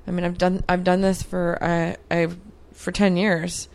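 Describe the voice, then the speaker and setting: A woman athlete in her mid-thirties, a guest on a podcast, gives thoughtful, sincere answers packed with fillers. She speaks a little slowly and flatly in a low, creaky, somewhat dark voice.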